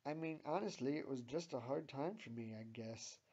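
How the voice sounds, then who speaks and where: A man's voice: mid-range voice, moderate pace, a little mellow, lo-fi sound, lightly acted. A man reading as a cocky teenage girl. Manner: cocky, sarcastic.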